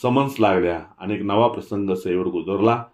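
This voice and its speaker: A man reading a novel aloud in a measured, expressive storytelling manner. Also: low voice. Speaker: audiobook reader.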